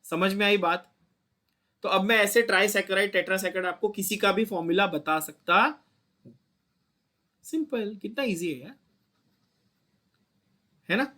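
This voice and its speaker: This young Indian man's high voice sounds pushed and bright as he delivers a chemistry lecture online at an unhurried pace with long pauses. Repeating his points, he coaxes the students into saying them back to him.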